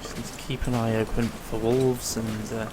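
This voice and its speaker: In a mid-range voice with little pitch movement and a moderate pace, a man comments on a game he's playing in a relaxed style, often saying um and uh. The voice is strained, rough, and tired, almost giving out, and background noise is audible.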